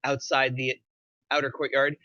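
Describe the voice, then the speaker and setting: A man narrates the stage directions at a script table read in a monotone at normal speed. His medium-pitched voice has a bright, crisp edge, and the recording is dry, a little dull, with no room sound.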